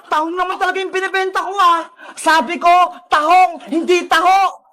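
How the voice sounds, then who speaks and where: A performer with a very high, bright voice playing a cheeky, stubborn street vendor in a comedy skit, shouting and laughing. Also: little pitch movement, fairly quick. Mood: teasing.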